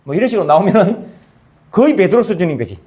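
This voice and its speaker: A man's voice: high voice, big pitch swings, fast, dark tone. A man pastor preaching a conversational sermon, firing rhetorical questions at the congregation and acting out quoted dialogue in changing voices.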